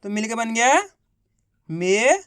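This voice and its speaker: A man's voice: very high voice, sing-song, slow, a bit bright, clean tone, no echo, studio quality. A man teaching an online spelling lesson, repeating each word and quizzing the viewers patiently. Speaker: Hindi teacher.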